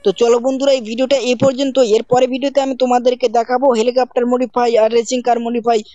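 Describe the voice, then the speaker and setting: A gaming channel host narrating gameplay and scolding characters in a loud, theatrical role-play. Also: mid-range voice, level tone, rapid-fire, no room sound. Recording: dry, dull lo-fi mic.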